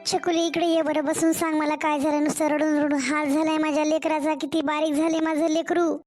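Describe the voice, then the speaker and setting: A woman's voice: sits high, level tone, a little fast, darkish tone, faint music behind, close to an everyday voice. A woman voicing an anxious, caring middle-aged mother in a cartoon story. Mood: worried. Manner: worried, questioning.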